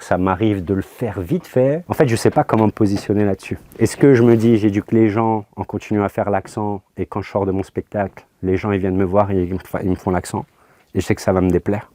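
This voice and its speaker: Deep-voiced young Frenchman, laid-back. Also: mellow, dry recording. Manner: laid-back, hesitant, many fillers. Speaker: comedian, interview guest. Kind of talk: casual interview answers.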